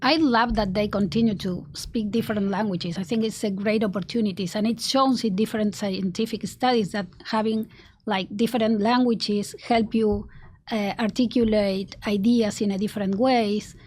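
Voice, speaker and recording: With a medium pitch, fairly even intonation and normal speed, an Argentine woman gives earnest interview answers. A native Spanish speaker and marketing executive, she restarts frequently and laughs softly.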